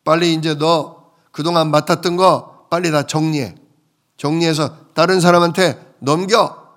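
A man's voice: a little high, steady tone, unhurried, fairly bright tone. A man acting out an angry rich male master who sternly scolds his servant. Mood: scolding.

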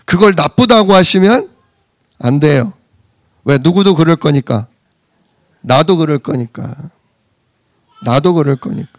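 A man's voice: fairly high pitch, animated, a little slow, pauses often, dry recording, clean studio sound. A man preaching a sermon, asking rhetorical questions and answering them himself, with emphatic bursts. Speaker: pastor.

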